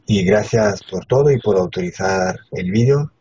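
A man's voice: deep voice, moderate pace, dark tone, slightly rough. A man with a Spain Spanish accent, a hypnotist asking his clients short, friendly questions over a call. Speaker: regression hypnotist interviewing clients. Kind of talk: casual video call chat.

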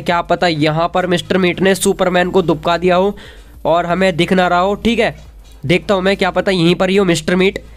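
Excitable high-voiced gaming commentator man. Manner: excitable, chatty, addresses viewers. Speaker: gaming video creator. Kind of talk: game commentary voice-over. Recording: faint background music.

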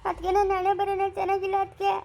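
Picture a tearful young mother pleading about her troubles, played by a woman. Her voice sits very high and the lines tumble out fast. She speaks with a Chikkaballapur Kannada accent, as in a homemade family skit. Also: completely flat delivery, a little mellow, a little hiss or hum.

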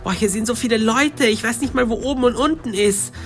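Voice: mid-range voice, brisk, fairly bright tone, faint music behind, lightly acted. A performer voicing an anxious young girl detective with asthma, talking breathlessly and stammering in a hurry. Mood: hurried. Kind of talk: storybook narration in first person.

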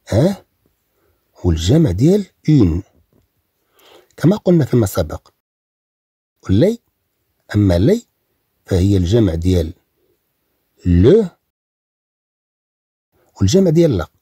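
A man with a Moroccan accent gives a French lesson, saying each word slowly and more than once. His voice is low and raspy, and it rises and falls with lively pitch. The sound is dry and close. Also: dry recording. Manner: repeats words slowly, drawn out for pronunciation. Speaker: French teacher. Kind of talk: recorded language lesson.

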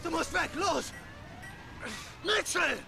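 Desperate male soldier, hurt and straining, very high shouted pitch, swings widely, military game. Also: animated, slow, creaky, over music, heavily acted. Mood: frantic, pained. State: in pain, straining. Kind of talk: dramatic military game acting, German dub.

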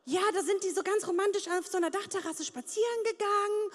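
Brash woman doing stand-up, high voice. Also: quick pace. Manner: brash, crude punchlines, acts out voices. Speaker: stand-up comedian. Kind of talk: stand-up comedy set. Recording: long reverb of a studio hall.

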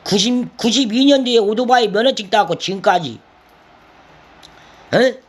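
A man's voice: high voice, normal speed. An older man rambling through a scolding monologue, pressing his listener with constant questions and coarse words. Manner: lecturing, nagging tag questions, coarse words; slips into sung lines and acted quotes. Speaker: elder lecturing a listener.

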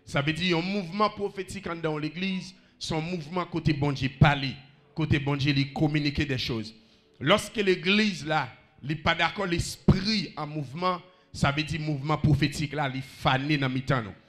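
A man's voice: on the high side, steady tone, moderate pace, fairly bright tone. A man with a Haitian accent preaching a sermon, rhythmically calling out questions to the congregation.

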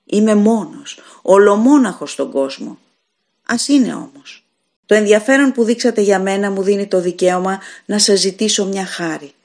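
A woman's voice: mid-range voice, darkish tone, lightly acted. A woman voicing a sick, dying man haunted by his own ghost, speaking in a breathless, frantic way. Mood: despairing.

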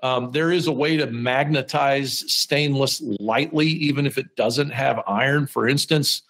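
In this casual how-to podcast, the middle-aged host walks through welding from his metal shop, self-deprecating and rambling, with frequent ums and restarts. His mid-range voice is a bit bright and a little slow. The recording is low-quality.

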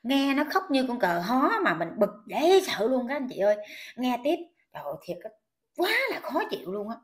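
A woman's voice: fairly high pitch, big pitch swings, a little fast. A woman with a Southern Vietnamese accent, ranting in an indignant, scolding commentary vlog full of repeated questions.

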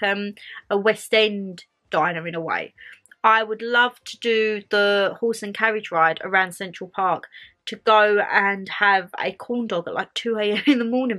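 Still shaking off a lingering cold, a young woman from England vlogs indoors from her bedroom in a medium-pitched, pushed, bright voice. Her chat to camera is casual and bubbly, with plenty of gesturing.

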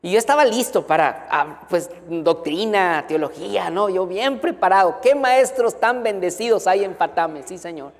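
A man's voice: high voice, lively intonation, normal speed, hardly any pauses. A male pastor preaching to a university audience, mixing prayer with humorous storytelling. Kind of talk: sermon. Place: university auditorium. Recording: long hall reverb, auditorium.

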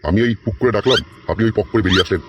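A man voicing a crude, scheming middle-aged widower in a Bengali comedy cartoon, talking rapidly in muttered asides. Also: fairly low pitch, highs cut off, background noise, natural voice.

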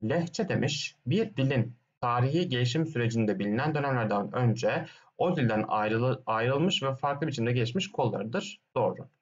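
A male teacher works through exam questions one at a time, explaining step by step and asking himself questions before answering them, humming "dın dın dın" between points. His mid-range voice is expressive at a normal speed, and the recording sounds muffled.

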